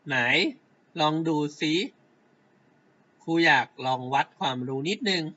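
Slow, bright-voiced male teacher. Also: fairly high pitch, dull audio. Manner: patient, keeps checking with the class. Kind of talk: grammar lesson.

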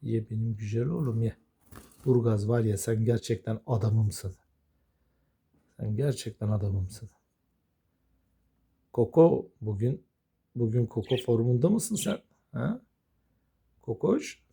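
Gravelly man coaxing his pet birds. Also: lowish voice, takes it slowly, long pauses, warm tone. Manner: coaxing, affectionate baby talk to birds. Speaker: budgie owner. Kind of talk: casual talk to pet birds.

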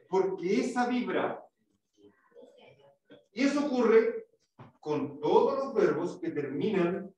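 A man's voice: sits high, darkish tone. A male English teacher giving a classroom lesson, explaining step by step, quizzing students and demonstrating sounds. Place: school classroom. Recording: echoey classroom, mic far off.

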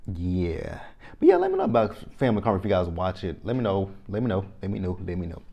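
A Texan man in his thirties, with a Texan accent, gives an animated, opinionated reality TV recap directly to camera, wearing a lapel mic in a small indoor room with a plain backdrop. His deep, creaky voice moves at a quick pace, and he repeats phrases while addressing viewers in this casual review.

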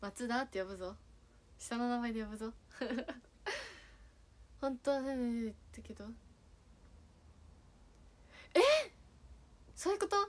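A young woman with a light Sanuki accent from Kagawa chats on a casual livestream. She answers fan messages playfully and giggles often. Her voice sits a little high. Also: expressive, moderate pace, long pauses. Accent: Sanuki dialect (Kagawa). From Kagawa, Japan. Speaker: idol streaming and chatting with fans.

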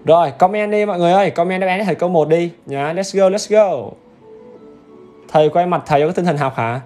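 This livestream English teacher has a high-pitched, darkish voice and talks fairly quickly, with faint music playing behind him. His exam-review lesson is upbeat and chatty, full of repetitive check-ins and constant nudges for viewers to leave comments.

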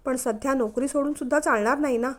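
A woman's voice: sits high, quick pace, natural voice. A woman voicing a young mother who teases and lightly scolds her husband in a storybook reading. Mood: tearful. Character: warm teasing young mother, firm at heart.

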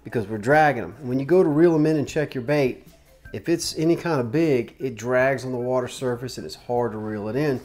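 A man's voice: mid-range voice, a little fast, faint music behind. A man in his forties, a fishing guide and show host, casually explaining step by step how to tie a rig in a small workshop, talking close to the camera. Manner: relaxed, chatty, explains step by step while tying knots. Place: small indoor tackle workshop.

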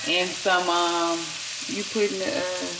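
A woman talks casually from behind the camera, narrating what the cook is doing and speaking to the viewers as y'all. She is in an echoey home kitchen where the frying and sizzling are clearly heard behind her voice. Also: fairly low pitch, flat delivery, unhurried, background noise. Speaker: co-host filming the cooking.

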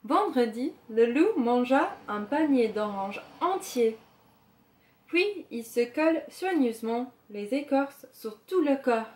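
A woman reading a children's picture book aloud, slowly and clearly, for young listeners. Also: sits high, animated, darkish tone, reverberant. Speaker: storyteller. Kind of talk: children's story read-aloud.

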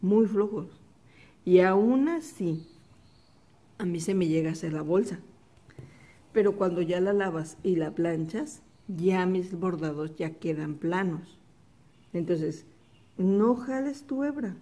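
A middle-aged woman teaches an embroidery stitch in a slow, patient tutorial. Her voice sits low and mellow, and she softly repeats each step as she works. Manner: calm step-by-step instruction, repeats the steps softly.

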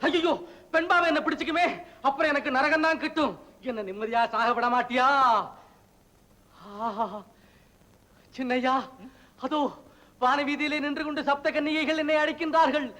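An actor playing a melodramatic henpecked husband in a classic film, with over-the-top comic wailing and mock-epic speech. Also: male voice, extremely high pitch, fairly even intonation, moderate pace, pauses often, bright, forceful tone. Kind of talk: 1950s Tamil film acting.

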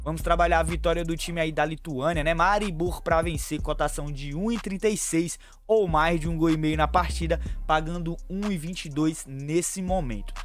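Homem animado dando palpites de apostas. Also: male voice, fairly high pitch, fairly even intonation, soft background music. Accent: Brazilian Portuguese, São Paulo fan. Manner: brisk, chummy, calls viewers family and partner. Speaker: sports betting tipster. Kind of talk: fast betting tips over screen share. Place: small room at home.

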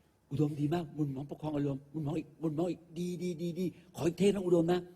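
A man's voice: a little high, fairly even intonation, quick pace, warm tone, husky, big-room sound. A man mimicking a fussy male film director who coaches an actor with effusive, repeated praise. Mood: gushing.

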